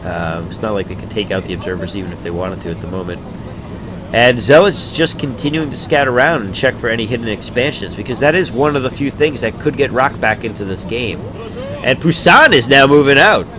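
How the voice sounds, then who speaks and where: A man giving casual solo play-by-play commentary on a live game stream, chatty and laid-back between plays, rising to excited shouts on big moments, with hiccups now and then. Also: medium pitch, normal speed, noisy background. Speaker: esports caster.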